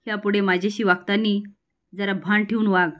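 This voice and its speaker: A woman's voice: medium pitch, little pitch movement, brisk, a bit bright, lightly acted. A woman voicing a guilt-ridden young man who turns angry, reading his lines earnestly in a storybook retelling.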